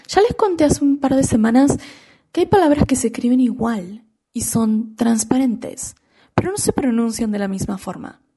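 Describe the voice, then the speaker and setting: Woman teacher for a radio lesson, husky, a bit gravelly, mellow tone, higher pitched, measured delivery. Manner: slows down to spell out English example words. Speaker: English teacher.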